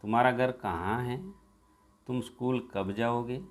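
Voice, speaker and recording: A male teacher working through a school workbook. He reads each exercise aloud and then gives the answer, slowing down and stressing the jumbled sentences. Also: mid-range voice, steady tone. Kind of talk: workbook lesson walkthrough.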